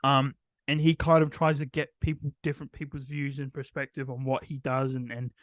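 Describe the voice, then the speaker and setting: A man's voice: mid-range voice, flat delivery, a little fast, dry recording, clean studio sound. Hesitant man chatting about comics. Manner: hesitant, filler-heavy with restarts. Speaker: host. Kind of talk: casual comic-book chat.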